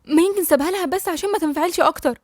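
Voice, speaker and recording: A woman's voice: very high-pitched, rapid-fire, no echo, clean studio sound, voice pushed up. A woman with an Egyptian accent reading an anxious, frightened young woman.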